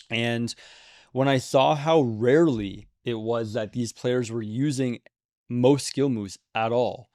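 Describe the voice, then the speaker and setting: A man's voice: mid-range voice, darkish tone, no echo, clean studio sound. A man giving opinionated commentary to camera on a video game, emphatic and repeating words for stress. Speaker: gaming video creator.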